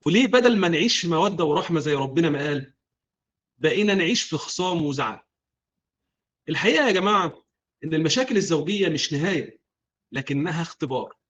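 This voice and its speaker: A man's voice: on the high side, fairly bright tone, dull audio. Earnest Egyptian man preaching on marriage. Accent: Egyptian Arabic. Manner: earnest, addresses the audience directly. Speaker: religious advice presenter. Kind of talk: scripted preaching narration.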